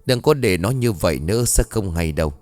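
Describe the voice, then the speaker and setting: A man's voice: deep voice, lively intonation, brisk, darkish tone, no echo. A man voicing a stern old male shaman who gives grave warnings in a storybook ghost tale.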